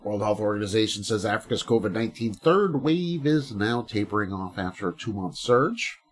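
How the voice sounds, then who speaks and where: A man's voice: lowish voice, expressive, moderate pace, husky. A man, a comedian, reading news stories aloud and swearing through sarcastic commentary. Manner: crude, sarcastic, swears constantly; reads headlines aloud with mock emphasis. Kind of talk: profane news commentary podcast.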